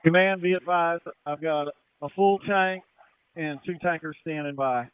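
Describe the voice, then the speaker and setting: A man's voice: a little high, unhurried, clear, resonant tone, dry recording. A male firefighter giving procedural status reports over a two-way radio. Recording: thin narrow-band radio transmission.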